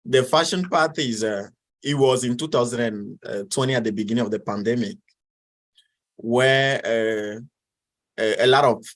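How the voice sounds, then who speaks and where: Answering an interviewer, a young Togolese man in his twenties speaks in a medium-pitched voice with a Togolese French accent. He's a guest, and his replies are halting, packed with fillers and false starts.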